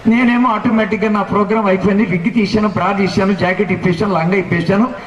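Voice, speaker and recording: A man's voice: sits high, steady tone, fast talker, lo-fi sound. An elderly man in his seventies, a preacher giving his testimony as a sermon, speaking in rhythmic rhyming lists that rise to exclamations. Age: 70s. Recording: echoey hall, mic at a distance.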